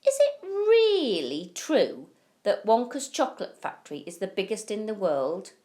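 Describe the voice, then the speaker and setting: A woman's voice: mid-range voice, huge pitch swings, a little slow, dark tone, pitched above the performer's own voice. A woman voicing a curious, eager little boy in a children's story. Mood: curious, wondering. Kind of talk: children's storybook character reading.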